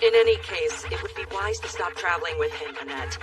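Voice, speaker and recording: An actress playing a stern, judgmental temple priestess, forceful and disapproving, in an anime dub. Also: female voice, lowish voice, lively intonation, a little fast, recorded from a distance, music in the background, natural voice. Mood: stern, scornful.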